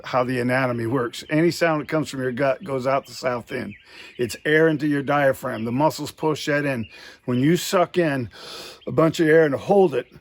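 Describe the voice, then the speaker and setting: A man with a mid-pitched voice gives an informal instructional talk. He explains each step in a folksy, plainspoken way, as a hands-on instructor demonstrating technique. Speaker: duck calling instructor.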